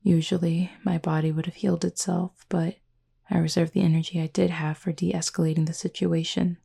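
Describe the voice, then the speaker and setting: Acting a horned cupid roommate for roleplay audio, a woman uses a low, husky, soft and breathy voice with a mellow tone, though the voice is exaggerated. Her delivery is calm, measured and matter-of-fact, politely formal yet tenderly teasing and intimate.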